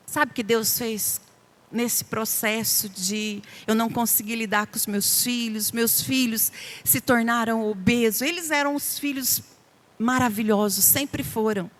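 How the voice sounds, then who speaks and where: A middle-aged Brazilian woman preaching a Mother's Day sermon in church. She shares an emotional personal testimony, speaks directly to the congregation and repeats phrases for emphasis. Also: medium pitch.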